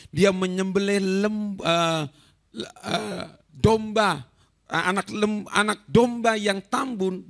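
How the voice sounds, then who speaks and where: A man preaching a lively storytelling sermon in a church hall. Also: sits high. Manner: lively, storytelling, addresses listeners as saudaraku.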